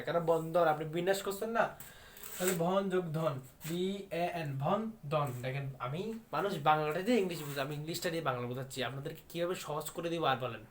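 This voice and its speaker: Emphatic male exam tutor, slightly high voice. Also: a little hiss or hum. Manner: emphatic, repetitive, coaxing questions to viewers. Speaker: exam coaching teacher. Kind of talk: online exam-prep lesson.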